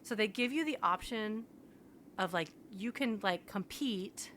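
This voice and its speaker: A young woman recapping a novel on a podcast, talking animatedly in a casual, rambling way. Her pitch sits at an ordinary middle level. Faint background hiss sits under her voice. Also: unhurried. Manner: animated retelling, filled with "like". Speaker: podcast co-host. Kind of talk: casual book recap chat.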